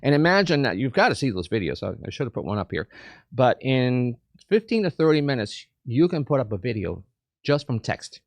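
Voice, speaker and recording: A Cuban man who presides over a chamber of commerce speaks eagerly as a guest in a studio interview, often repeating words in casual chat. His medium-pitched voice is very animated and brisk, with no room sound.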